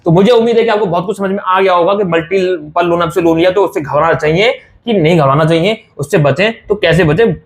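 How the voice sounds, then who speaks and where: A man delivers a casual advice talk to his viewers. His voice sits high and the words tumble out quickly. He reassures them over and over and calls them brother. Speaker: loan advice YouTuber. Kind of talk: casual direct-to-camera advice.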